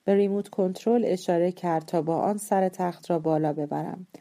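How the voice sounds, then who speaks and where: Warm-voiced woman narrating a story. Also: on the low side, fairly even intonation. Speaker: audiobook narrator.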